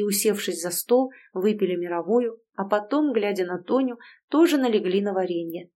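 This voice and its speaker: Audiobook narrator, woman, mid-pitched, steady measured delivery.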